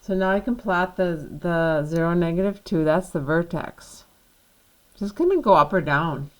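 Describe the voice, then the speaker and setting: A woman's voice: fairly low pitch, animated, moderate pace, rough recording. A woman teaching a math lesson, patiently walking through each step and checking in with the class.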